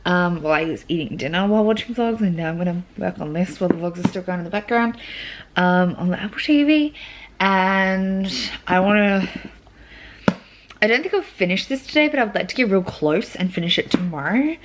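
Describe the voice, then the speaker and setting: A woman, giving a casual, rambling reading update from her bed, full of "um"s and sudden bright jumps in pitch. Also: expressive, a little fast, noisy background. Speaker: book vlogger. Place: at home, in bed.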